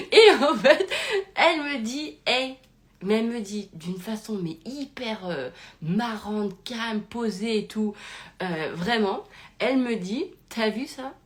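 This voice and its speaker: Woman host, casual phone live talk; animated, swooping intonation, lots of restarts. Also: mid-range voice. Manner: animated, laughing, many restarts. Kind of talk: casual spoken monologue. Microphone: phone, live stream.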